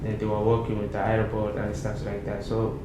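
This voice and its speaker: A man's voice: on the low side, completely flat delivery, fairly quick. A young man from Somalia answering interview questions casually, with hesitant speech and frequent restarts. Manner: hesitant, many restarts and fillers. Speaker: interview guest, MBA student. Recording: echoey room with background noise.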